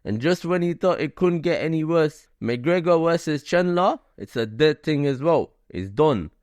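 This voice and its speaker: A man's voice: fairly high pitch, lively intonation, normal speed, darkish tone, no room sound. A man hosting a casual combat sports commentary vlog, talking in a loose, slangy way full of "like" and "you know".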